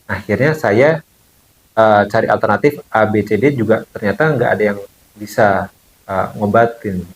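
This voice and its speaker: A man's voice: fairly low pitch, moderate pace, long pauses, low-quality recording. A man, a bone-setting therapist, casually telling viewers a story from his clinic, with lots of fillers and quoted dialogue.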